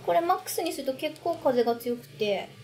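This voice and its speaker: A woman's voice: sits high, animated, brisk, darkish tone, soft background music. A young woman with a cute anime-girl voice, chatting casually as a guest in a small room. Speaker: guest, consumer-electronics TV personality. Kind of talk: casual chat. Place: small office, indoors, seated at a table.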